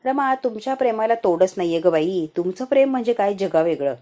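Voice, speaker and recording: A woman's voice: medium pitch, expressive, brisk, mellow, voice pushed down, close to an everyday voice. A woman voicing a worried sister-in-law who gives urgent warnings. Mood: anxious warning. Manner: cautioning, urgent.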